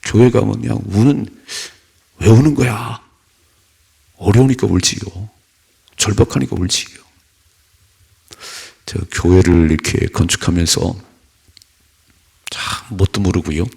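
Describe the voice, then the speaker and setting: A man's voice: low voice, fairly even intonation, measured pace, gravelly, pauses often, darkish tone, husky. A male pastor giving an early-morning sermon in a church, preaching conversationally with rhetorical questions and personal stories.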